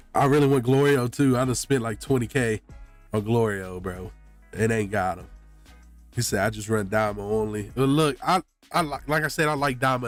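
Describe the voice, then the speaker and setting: A man with a mid-pitched, congested voice chats to his stream viewers while sick. His talk is casual and slangy, peppered with "bro", and faint music plays behind him. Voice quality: congested, stuffy nose. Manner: slangy, often says "bro". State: sick with a blocked nose. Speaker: game streamer.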